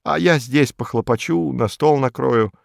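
A man's voice: mid-range voice, unhurried, vocal fry, no echo, clean studio sound. A man voicing a crafty old fox who questions and accuses others in a raised voice. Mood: bossy.

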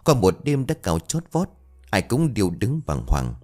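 A man narrating a ghost story with an expressive, dramatic reading. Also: lowish voice, normal speed.

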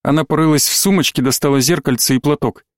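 Brief: male audiobook narrator, measured, slightly high voice. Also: no room sound, clean studio sound. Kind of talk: scripted narration.

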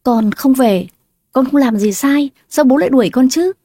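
A woman voicing a scheming young adopted daughter, with a whiny, shrill manner. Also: normal speed, dark tone, dry recording. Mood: indignant. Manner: whining, shrill when pleading.

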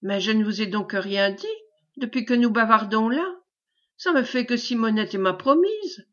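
A woman's voice: a little high, expressive, moderate pace, a bit bright. A woman voicing a shy, humble peasant boy who talks in a hesitant country way, on a dull lo-fi recording. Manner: hesitant, rustic country speech.

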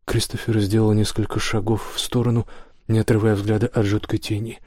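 Male audiobook narrator, steady delivery, dry close mic. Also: lowish voice, brisk, no room sound.

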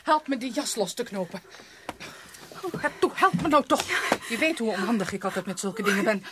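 An actress playing Betsy, a brisk, commanding older sister in a radio drama. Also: female voice, medium pitch, noisy background, close to an everyday voice. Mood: urgent. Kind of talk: 1980s radio drama acting.

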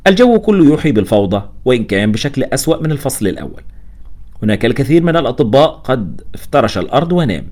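A man reading the stage directions of a play aloud in a brisk, animated way. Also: mid-range voice. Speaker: narrator.

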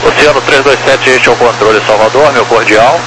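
A man's voice: mid-range voice, fairly quick. A man working as an air traffic controller, giving clipped procedural instructions over a crackly radio. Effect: crackly aviation radio. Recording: crackly radio with loud hum and engine noise.

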